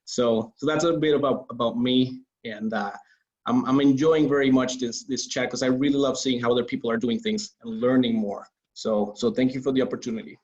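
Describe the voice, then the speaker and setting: A man's voice: mid-range voice, steady tone, a little fast, darkish tone. Man, entrepreneur guest, earnest, repeats himself, casual webinar chat, muffled audio. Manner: earnest, repeats words, many fillers. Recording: slightly dull lo-fi audio.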